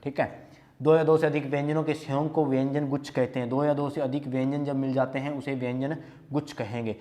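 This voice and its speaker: A man's voice: medium pitch, flat delivery, brisk, dark tone. Man teaching, answering his own questions. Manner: asks questions and answers them himself, repeating key terms. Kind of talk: Hindi grammar lesson, solving quiz questions.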